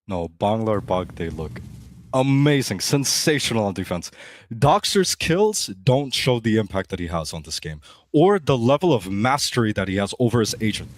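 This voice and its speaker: A man's voice: on the low side, sing-song, normal speed. A man giving esports color commentary, fluent and full of enthusiastic praise for the players. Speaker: esports caster.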